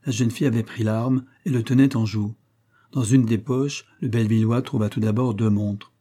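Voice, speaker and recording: Husky, mellow male audiobook narrator. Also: mid-range voice. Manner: steady, measured reading.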